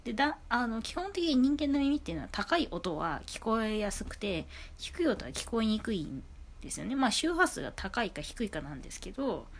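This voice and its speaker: A woman hosting a casual solo podcast, chatty and rambling with many asides, her high, clear voice carrying well, recorded on a phone set on a low table at home. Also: very animated, a little fast, slight background noise. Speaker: podcast host. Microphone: iPhone on a low table.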